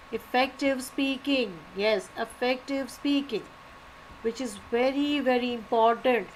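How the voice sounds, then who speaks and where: A woman giving a live online lecture, animated, repeating key words and asking and answering her own questions. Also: fairly high pitch, slight background noise, poor audio. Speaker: teacher.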